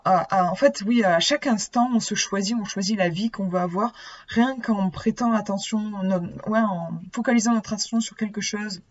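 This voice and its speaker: A woman's voice: mid-range voice, a little mellow, dull audio. A woman with a lisp giving a card reading, speaking to the viewer. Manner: hesitant, searching for words. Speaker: oracle card reader. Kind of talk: casual card reading, with passages read from a booklet.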